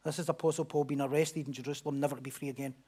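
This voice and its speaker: A man's voice: a little high, level tone, rapid-fire, mellow, breathy edge. A middle-aged man, a pastor delivering a sermon with emphatic, repetitive lines and rhetorical questions.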